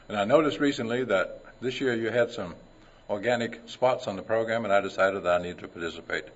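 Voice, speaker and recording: An older man from Denmark presents at a conference, pausing often to clear his throat between folksy asides. His voice sits fairly low. The recording is dull and lo-fi, with faint noise behind him. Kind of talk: conference talk with anecdotes.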